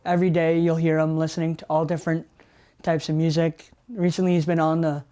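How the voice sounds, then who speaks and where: This young adult man from Ontario, Canada, has a fairly high, clear, resonant voice and a brisk pace. In a documentary interview he chats about his housemates in a loose, relaxed way, using plenty of fillers.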